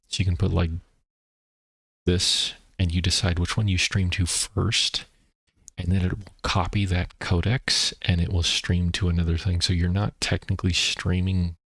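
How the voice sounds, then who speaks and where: A man streaming a video game, talking in a rambling, casual way with a deep voice and explaining things between plays. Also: level tone, normal speed, fairly bright tone, no room sound, studio quality. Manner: rambling, explains while playing, many fillers. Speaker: gaming streamer. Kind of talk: casual gameplay chat. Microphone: streaming microphone.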